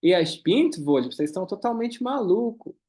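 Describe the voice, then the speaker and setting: Man teaching German, high voice. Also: sing-song, warm tone. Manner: switches between slow careful German and quick explanations. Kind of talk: online class, reading dialogue and translating.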